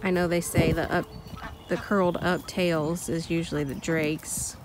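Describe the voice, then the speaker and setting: A woman vlogger chats her way through a casual farm video from a poultry pen, unhurried and full of ums, breaks and restarts. She has a lowish voice with little variation in pitch. Recorded outdoors on a phone, the clip carries obvious farm sounds, including quacking ducks and chickens.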